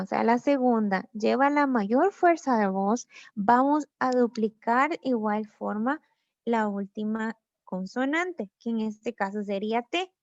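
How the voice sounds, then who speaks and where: A woman teaching English grammar online, walking through each rule slowly and patiently. Her voice sits a little high, and it comes through a dull, dry lo-fi computer mic. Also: darkish tone, dry recording. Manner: patient, explains step by step in Spanish with English examples. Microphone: computer mic on a video lesson.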